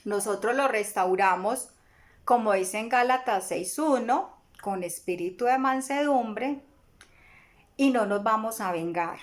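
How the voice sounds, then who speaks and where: A woman's voice: fairly high pitch, measured pace. A woman teaching a Bible lesson in church, earnest and full of rhetorical questions and acted-out everyday examples.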